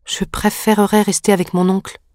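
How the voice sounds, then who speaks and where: A woman's voice: medium pitch, flat delivery, a little fast, darkish tone, no echo, natural voice. A woman reading aloud voices a sickly, frightened young boy who pleads and resists in plaintive questions.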